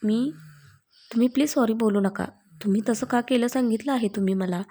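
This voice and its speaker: A woman's voice: on the high side, brisk, dark tone, lightly acted. A woman voicing a loving, playful young bride-to-be with a coaxing manner. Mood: tender.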